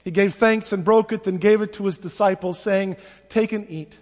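High-voiced pastor at a pulpit microphone. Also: male voice, darkish tone. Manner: measured, solemn liturgical reading. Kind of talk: leading liturgical prayers. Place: church sanctuary. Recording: long church reverb.

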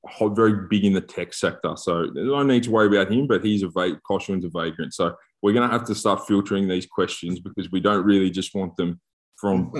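A man's voice: deep voice, brisk. A man chatting casually on a podcast in a blokey, joking, slangy way. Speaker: podcast co-host, rugby player turned coach.

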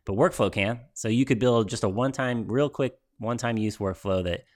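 A man's voice: medium pitch, fairly quick. A man co-hosting a podcast, chatting casually with lots of ums and likes. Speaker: podcast co-host. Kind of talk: casual tech chat.

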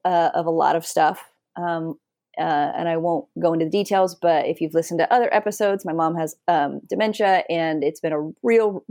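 A woman's voice: lowish voice, mellow, no room sound, clean studio sound. A woman co-hosting a podcast, chatting casually and candidly, rambling with fillers and self-corrections. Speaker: podcast co-host. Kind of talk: casual conversational podcast chat.

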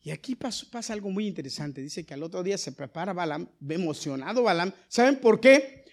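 A high-voiced male pastor delivering a fervent sermon. He swings from loud, urgent exhortation to quiet, hushed asides and keeps putting questions to the congregation. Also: lively intonation, a little fast. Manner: addresses the congregation directly with rhetorical questions.

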